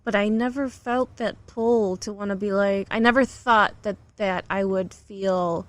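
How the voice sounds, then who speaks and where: A woman's voice: mid-range voice, fairly even intonation, a little slow, no echo. A young to middle-aged woman who grew up in the United States, speaking earnestly in long reflective runs as a podcast guest. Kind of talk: casual interview talk.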